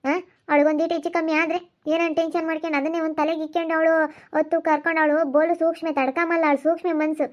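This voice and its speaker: A woman playing a fast-bickering village woman. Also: very high-pitched, little pitch movement. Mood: aggrieved. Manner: scolding, rapid back-and-forth bickering. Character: quarrelsome village woman, sharp-tongued and defensive. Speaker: village skit actor. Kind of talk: amateur village skit acting. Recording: dull lo-fi audio.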